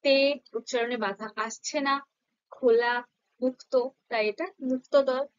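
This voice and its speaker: A woman teacher explaining a Bengali grammar lesson patiently, slowly sounding out syllables for her students. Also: on the high side, steady tone, clear, resonant tone, no room sound, lo-fi sound.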